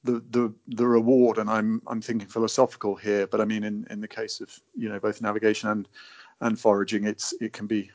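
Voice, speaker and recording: This natural navigation advocate, appearing as a guest, has a fairly low, slightly mellow voice with a level tone and brisk delivery. He converses thoughtfully but haltingly, repeating words while working out his ideas. The setting is indoors in a wooden cabin, recorded in dull, muffled lo-fi quality.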